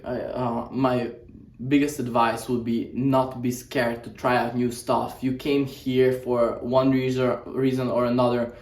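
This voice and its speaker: A young Hungarian man, a boarding school student, gives earnest interview answers full of "uh" fillers. His voice is mid-range and a little mellow, picked up by a distant mic in an echoey room.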